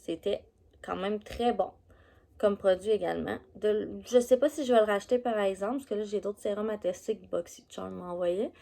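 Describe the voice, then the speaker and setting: A woman's voice: mid-range voice, brisk, creaky, dark tone. Chatty Québécois woman vlogger. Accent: Québécois French. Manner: chatty, loose, full of fillers. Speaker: beauty vlogger. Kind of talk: casual product review chat.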